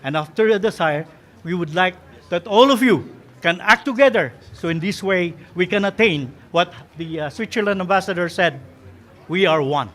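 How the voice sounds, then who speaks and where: A man's voice: high-pitched, normal speed, fairly bright tone. A man, a diplomat speaking earnestly and formally, explaining his points step by step. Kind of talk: speech to festival guests.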